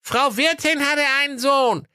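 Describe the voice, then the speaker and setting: A man voicing a greedy, chubby little boy in a whiny, very high voice in a comic storybook reading. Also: a little slow, sharp tone, no echo, clean studio sound, full character voice.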